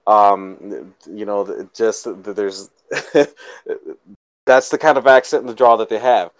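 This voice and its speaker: A man's voice: fairly low pitch, fairly even intonation, unhurried, dry recording, rough recording. A man co-hosting a casual chat, rambling through a story with many ums, restarts and frequent laughs. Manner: laughs often. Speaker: podcast co-host.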